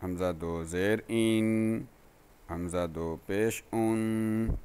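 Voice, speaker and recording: A man teaching a Quran reading lesson, reciting each syllable in a slow, drawn-out repetition drill for learners. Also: lowish voice, fairly even intonation, darkish tone, clean tone.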